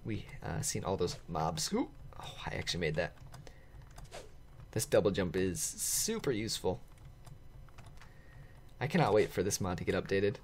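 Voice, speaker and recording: A man narrating his video game play to viewers in an excitable, chatty way, laughing often and reacting out loud. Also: on the low side, a little hiss or hum. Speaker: gaming channel host. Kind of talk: let's play commentary.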